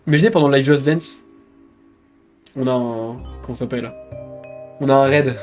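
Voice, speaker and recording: A French man streaming a video game, chatting in an excitable, rambling, self-mocking way. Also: mid-range voice, moderate pace, soft background music. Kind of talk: let's play commentary.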